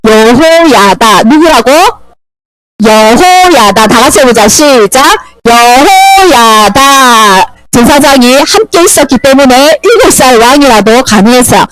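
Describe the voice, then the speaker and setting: A woman's voice: high-pitched, low-quality recording. A woman teaching Sunday school, animatedly telling a Bible story and quizzing the children.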